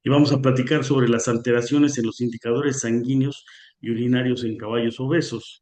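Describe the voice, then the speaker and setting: This man's mid-range voice is steady and a little mellow, and he talks fairly quickly. Lecturing as a guest on horse nutrition at an online conference, he stumbles with many fillers and a slightly sore throat, and the room echoes noticeably.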